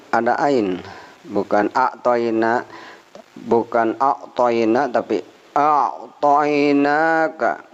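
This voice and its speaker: A man teaching Quran recitation, chanting verses in a slow, drawn-out way and explaining the rules hesitantly, with many fillers, repeating each word to model how it is said. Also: fairly low pitch. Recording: dull lo-fi recording.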